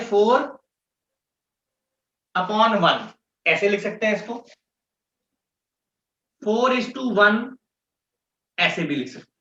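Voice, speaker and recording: A man teaching economics, explaining step by step and slowly repeating key terms. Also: sits high, pushed and bright. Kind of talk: classroom lecture mixing Hindi and English. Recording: echoey room, distant mic, dull sound.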